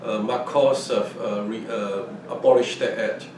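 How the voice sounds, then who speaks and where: For an oral history interview, an older Hong Kong man, Fujianese (Minnan) his first language, casually recounts his early life, restarting often and repeating words. His voice is lowish, fairly even and a little slow, and the recording comes from a distant mic in an echoey room with faint noise.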